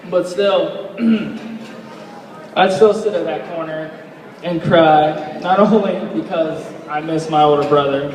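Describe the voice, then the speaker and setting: Young male best man, higher voice, rambling heartfelt speech with hesitant delivery, recorded from afar in a reverberant hall. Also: a little hiss or hum. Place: large reverberant indoor reception room. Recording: echoey hall, distant microphone.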